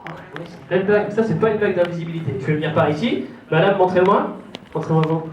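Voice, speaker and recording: High-pitched man, kids' party magician in echoey hall. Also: fast talker, dull audio. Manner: theatrical showman, playful teasing, coaxing children and audience. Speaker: stage magician hosting a children's magic show. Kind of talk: live kids' party magician patter to children and families. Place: show venue with a stage and live audience. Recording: echoey hall, distant mic, noisy audience.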